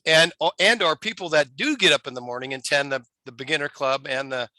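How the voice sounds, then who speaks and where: A man's voice: a little high, fairly quick, sharp tone, no room sound. A man on a video call, enthusiastically explaining a sales training session. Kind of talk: casual video call chat.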